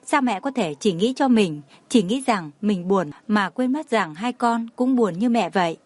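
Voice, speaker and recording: A woman voicing a tender, remorseful young mother who speaks in soft, apologetic tones. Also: mid-range voice, lively intonation, a little slow, no room sound.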